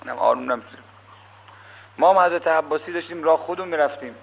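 A man, a cleric, telling a religious story in a lively, colloquial sermon, with asides to his listeners. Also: fairly high pitch, creaky, breathy edge. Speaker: cleric preacher. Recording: dull lo-fi old radio recording.

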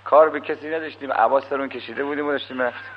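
A man, a cleric, telling a religious story in a lively, colloquial sermon, with asides to his listeners. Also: medium pitch. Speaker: cleric preacher. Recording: dull lo-fi old radio recording.

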